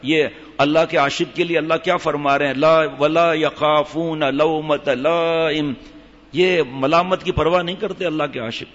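A man giving a sermon in a scolding, emphatic way, reciting Arabic verses slowly. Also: fairly high pitch, fairly even intonation, a bit bright, long reverb tail, highs cut off. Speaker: preacher.

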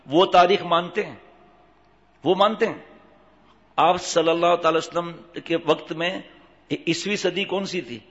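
Preacher: a man with a higher-pitched voice who talks with the crowd and acts out the people in his stories. Dull recording with a long hall reverb. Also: long pauses, fairly bright tone. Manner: conversational, asks the audience questions, acts out the voices in his stories. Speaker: Islamic preacher. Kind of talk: sermon with anecdotes.

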